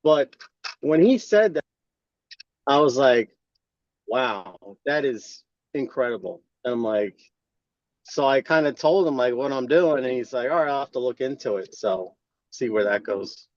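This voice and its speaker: A man's voice: mid-range voice, expressive, unhurried, pauses often, dry recording. A man in his forties calling in from his car while driving, chatting casually and retelling what a coworker said, over a speakerphone line. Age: 40s. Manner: chatty, retells dialogue with lots of "I was like" and "he goes". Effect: calling in from a car while driving, muffled speakerphone sound. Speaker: member sharing a testimonial on a group call. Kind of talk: casual storytelling.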